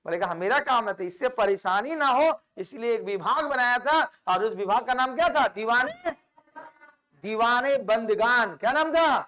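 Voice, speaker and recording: A man teaches history for exam preparation in a very high, smooth and resonant voice. He keeps repeating key names and firing questions back at his students. English words slip into his all the time. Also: animated, normal speed, sharp tone. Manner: mixes English words into Hindi. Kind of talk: exam-prep history lecture.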